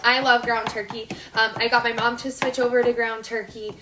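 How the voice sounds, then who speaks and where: A woman's voice, a little high with little pitch movement, moves fairly quickly as she hosts a casual cooking livestream. She's in her thirties, from Las Vegas, with a North Dakota upper Midwestern accent, chatting straight to viewers from her indoor home kitchen; the echoey recording is clearly noisy with clicks.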